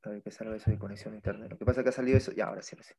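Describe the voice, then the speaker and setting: A man's voice: lowish voice, steady tone, racing, gravelly, warm tone, breathy edge. A male teacher giving an online class through his laptop, explaining patiently and often checking in with the students. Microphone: laptop microphone.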